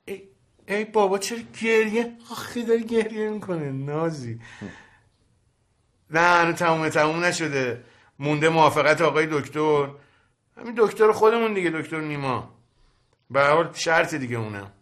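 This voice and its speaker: A man's voice: fairly high pitch, expressive, long pauses, a bit bright. A man playing a cheeky, scheming younger brother who teases in a sitcom. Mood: cheerful. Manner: teasing, scheming. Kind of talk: sitcom acting.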